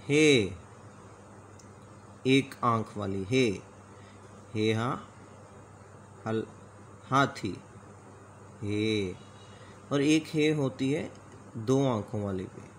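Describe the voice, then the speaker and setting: A man's voice: mid-range voice, very slow, pauses often, slight background noise. A man teaching the letters of a script, speaking patiently and politely and sounding out each letter aloud for the learner to repeat. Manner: says "ji janab" often, polite. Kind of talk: slow alphabet lesson.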